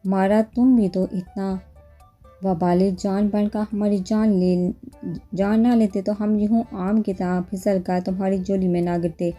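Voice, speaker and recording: A woman's voice: mid-range voice, steady tone, dark tone, faint music behind, close to an everyday voice. A woman reading a storybook novel, voicing a bold, playful young woman doctor who teases. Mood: teasing. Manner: teasing, cheeky.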